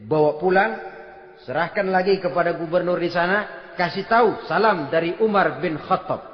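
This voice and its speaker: A high-voiced man tells a sermon story, acting out each voice and dropping to a near hush. The sound is dull and lo-fi, like an old tape. A long echo from a large hall hangs behind him. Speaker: Islamic preacher.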